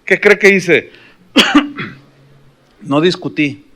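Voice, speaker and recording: A middle-aged pastor with a Mexican accent, his voice sitting high for a man. He preaches in an animated, humorous way, telling stories and throwing questions at the congregation. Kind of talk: storytelling sermon.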